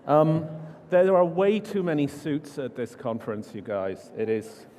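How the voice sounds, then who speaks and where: A man's voice: fairly high pitch, big pitch swings, a little slow, background noise. A man giving an informal, self-deprecating keynote talk full of stories at a large conference. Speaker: conference speaker. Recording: long hall reverb.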